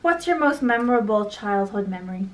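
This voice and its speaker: A woman's voice: mid-range voice, lively intonation, a little fast. A young woman, co-owner of a beauty business, chatting in an easygoing, giggly way with lots of "like" and "um". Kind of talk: casual Q&A chat. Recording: slightly distant mic with faint noise.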